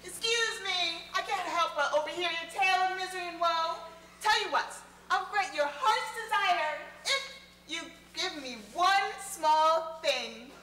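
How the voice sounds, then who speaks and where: Brief: woman as a high, bright, scheming stranger on an echoey stage. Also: a little slow, pauses often, slight background noise, heavily acted. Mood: sly. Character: sly bargaining stranger woman. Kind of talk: stage comedy acting.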